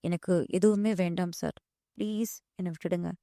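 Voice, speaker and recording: A woman's voice: on the low side, steady tone, normal speed, warm tone, no echo, studio quality, close to an everyday voice. A woman voicing a proud young woman who answers firmly and respectfully. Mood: hurt. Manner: firm and respectful, calls him "sir". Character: proud young working woman, firm and hurt.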